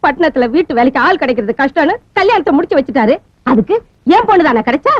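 A woman's voice: sits high, sing-song, fast, dry recording, dull audio. An actress playing a middle-aged village mother, scolding and reproachful, in a film scene. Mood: bitter.

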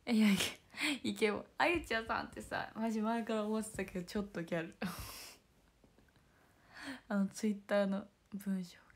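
A young woman with a hoarse, worn-out voice, chatting casually on a livestream and thanking fans by name. She slips back and forth between bright greetings and breathy half-whispers. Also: medium pitch, fast talker, hardly any pauses. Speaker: idol livestream host. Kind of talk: casual livestream chat reading fan comments.

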